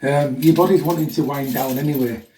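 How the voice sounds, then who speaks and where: This middle-aged man, a fitness vlogger, talks casually and bluntly to viewers while introducing a workout, often ending sentences with "yeah?". His medium-pitched, dark voice is brisk with fairly even intonation and slightly chesty, since he's recovering from a chest infection. Recorded from a distance in an echoey room, there's a little hiss or hum.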